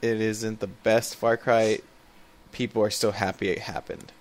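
A man's voice: on the low side, little pitch movement, measured pace. A man co-hosting a gaming podcast, rambling and laughing as he chats casually. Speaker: podcast co-host. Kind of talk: casual chat.

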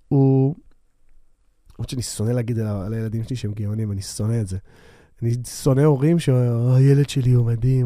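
Dark-voiced man rambling on his podcast. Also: medium pitch, dry recording, studio quality. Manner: rambling, with many fillers and restarts; self-deprecating and quick to laugh. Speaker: podcast host; bassist. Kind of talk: casual solo podcast monologue. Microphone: new microphone on a stand.

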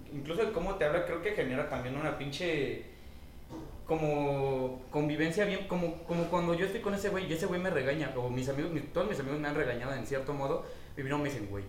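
A Mexican man hosting a relaxed podcast conversation, musing aloud with plenty of slang. He sits somewhat back from the mic, so his voice sounds distant in an echoey room. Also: a little high, fast, slight background noise. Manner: relaxed, reflective, sprinkled with slang and fillers.

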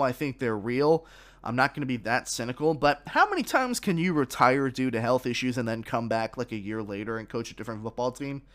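A man with a medium-pitched, slightly bright voice hosts his own sports podcast, sharing opinions with many fillers and restarts. He sounds a little congested from a frog in his throat.

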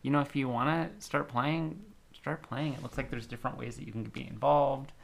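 Gravelly-voiced woman podcast guest. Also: a bass voice, steady tone, brisk. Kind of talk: casual podcast chat.

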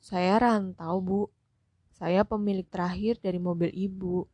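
A woman's voice: medium pitch, fairly even intonation, a little slow, dark tone, dry recording, close to an everyday voice. A woman voicing a polite, careful visitor who speaks hesitantly to an older lady. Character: polite nervous young narrator character.

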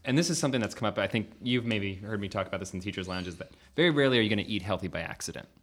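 A man's voice: fairly low pitch, animated, very fast, fairly bright tone. A man hosting a casual podcast chat, rambling and laughing often. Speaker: podcast host.

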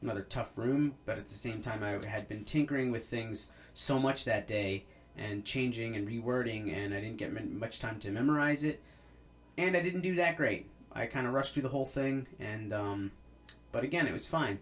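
A man talks alone on his podcast. He rambles in an easy, casual way, stumbling over his words and restarting often. His voice sits at an ordinary middle pitch. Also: normal speed. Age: 30s. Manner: rambling, with many restarts and fillers. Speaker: podcast host. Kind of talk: casual monologue.

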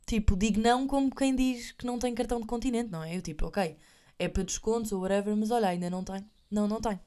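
A woman's voice: medium pitch, quick pace, dark tone. Young woman, European Portuguese accent, chatty vlogger, self-mocking, drops English phrases. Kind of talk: casual storytelling to viewers.

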